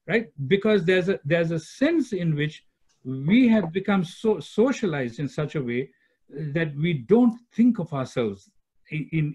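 A man's voice: fairly high pitch, a little mellow, breathy edge. An older man from Sri Lanka talking as a guest on a video call, thoughtful, often restarting words as he searches for phrasing. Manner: thoughtful, repeats words while searching for phrasing, gestures with hands. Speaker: guest, executive director of a peacemaking institute. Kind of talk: conversational interview on a video call. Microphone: computer microphone on a video call. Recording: dull lo-fi video call audio.

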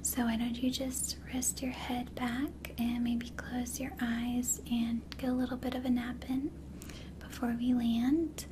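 Young lady doing whispered role-play as a caring flight attendant, really flat soft whisper, soothing, noisy background. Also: on the high side, a little slow, lightly acted. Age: young adult. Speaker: ASMR performer.

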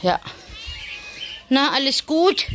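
A woman's voice: high-pitched, very animated, takes it slowly, a bit bright, slight background noise. A woman filming a casual vlog in a stable, chatting to the viewer and coaxing her animals in a sing-song voice. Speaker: vlogger.

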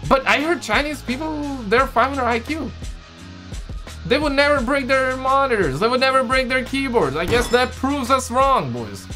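Animated, high-voiced young man reacting. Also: moderate pace. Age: young adult. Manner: slangy, exclamatory, repeats phrases. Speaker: reaction video host. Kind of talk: casual reaction commentary. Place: home room with green screen. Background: music.

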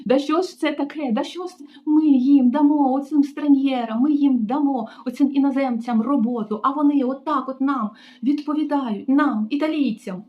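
A woman putting on a shrill, bossy hotel receptionist. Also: steady tone, normal speed, hardly any pauses, lo-fi sound, lightly acted. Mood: shrill outrage. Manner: shrieking indignant scolding.

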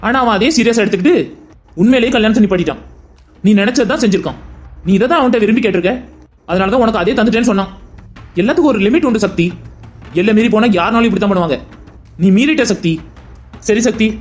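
A man's voice: high voice, close to an everyday voice. A man playing a stern lecturing older brother. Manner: lecturing, repeated rhetorical questions. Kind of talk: cartoon voice acting.

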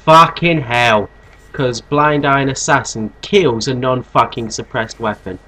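A man's voice: medium pitch, moderate pace, a bit bright, breathy edge. A young British man commentating on a video game as a raging gamer, angrily ranting and swearing. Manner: raging gamer, angry, foul-mouthed ranting.

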